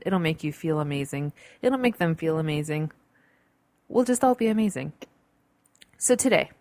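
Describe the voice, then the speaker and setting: A woman hosting her own podcast, talking in a bubbly, chatty way with big jumps in pitch, recorded at home. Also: dry recording. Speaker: podcast host. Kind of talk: casual solo podcast talk. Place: home in the city. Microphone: studio mic recorded on a computer.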